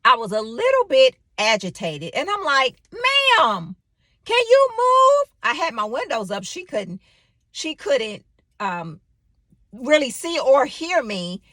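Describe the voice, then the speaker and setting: A woman in her thirties giving an animated devotional talk, telling a personal story with sudden exclamations. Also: fairly high pitch, measured pace, dry recording. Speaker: faith vlogger.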